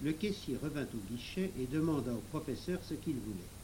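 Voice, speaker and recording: A man's voice: medium pitch, lively intonation, fairly quick, mellow, slight background noise. A man reading a children's novel aloud, narrating expressively. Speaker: audiobook reader. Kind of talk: storybook narration.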